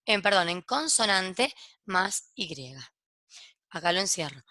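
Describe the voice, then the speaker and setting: Bright woman teacher, walks kids through english verb endings one by one, keeps asking ok?, dry close sound. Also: medium pitch, very animated, slow pace, no echo. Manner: explains step by step, checks in with "¿ok?" after each point; switches between Spanish explanation and English examples. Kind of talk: recorded grammar lesson for kids.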